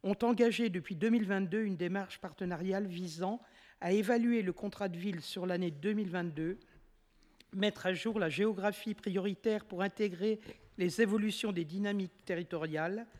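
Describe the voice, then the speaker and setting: Woman councillor, formal report read aloud, measured and steady, long chamber reverb. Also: medium pitch. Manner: steady, measured reading with occasional self-corrections. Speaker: municipal councillor presenting a motion. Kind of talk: formal reading of an administrative report.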